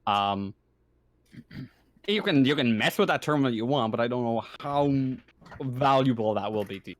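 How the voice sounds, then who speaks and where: A man with an expressive, mid-range voice runs a tabletop game as game master. He improvises haltingly, stammering and constantly rephrasing what he says.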